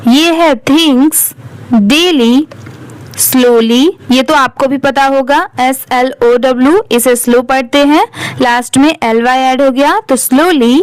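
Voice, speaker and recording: A woman with an Indian accent teaching English reading, spelling out words letter by letter and repeating each one slowly. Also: high voice, no echo, low-quality recording. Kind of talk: slow word-by-word reading lesson.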